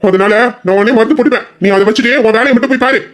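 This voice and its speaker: A man playing a hot-tempered sarcastic husband, fast and high. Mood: sarcastic, angry. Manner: mocking, bitter. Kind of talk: Tamil audio drama acting.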